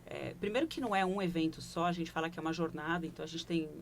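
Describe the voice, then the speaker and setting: Reflective Brazilian woman, lowish voice. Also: very fast, a little hiss or hum. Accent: Brazilian Portuguese. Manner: reflective, tags phrases with questioning asides. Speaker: corporate leadership consultant. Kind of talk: explanatory interview answers. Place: broadcast studio.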